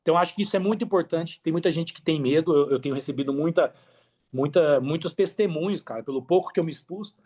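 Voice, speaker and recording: Fast-talking, with a voice on the high side and a darkish tone, a Brazilian man guests on a podcast. The affiliate marketer tells his story in a casual, expansive, slangy manner, repeating himself to underline points.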